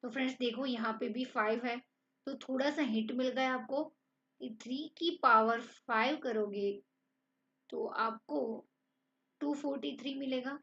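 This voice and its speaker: A woman's voice: high voice, fairly even intonation, unhurried, fairly bright tone, highs cut off. A woman teaching a math lesson online, coaxing students through each step. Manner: encouraging, addresses students as friends.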